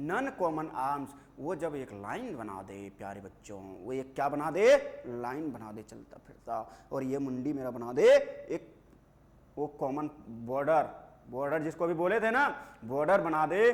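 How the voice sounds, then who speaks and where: A man teaching a maths lecture, playfully coaxing his students and asking them questions he then answers himself. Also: sits high. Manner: playful and coaxing, calls students "dear children". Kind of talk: classroom lecture.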